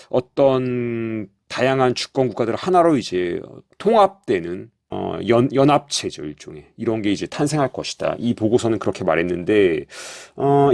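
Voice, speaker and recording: A man's voice: lowish voice, dry recording, clean studio sound. A man explaining at length in a casual monologue, with frequent hesitations and sudden rises of emphasis. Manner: hesitant, many fillers and restarts, lively emphasis. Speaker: commentator.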